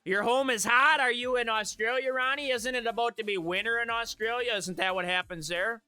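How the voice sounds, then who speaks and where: A man with a very high, bright, sharp-edged voice chats loosely with his live-stream viewers and laughs at his own jokes. The sound is close and dry, with faint music playing underneath. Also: brisk, smooth, no room sound. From Michigan.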